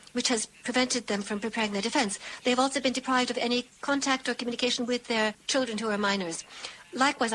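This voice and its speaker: A woman's voice: on the high side, a bit bright, slight background noise, poor audio. Woman giving a translation voice-over. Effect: translation voice-over of a speech. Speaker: interpreter. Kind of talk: interpreting a formal statement.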